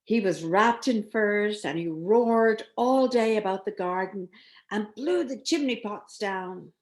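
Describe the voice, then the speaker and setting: Woman reading a fairy tale to kids, takes her time, really expressive with it. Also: medium pitch, slow. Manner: expressive, with dramatic emphasis. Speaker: storyteller. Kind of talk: children's story read aloud.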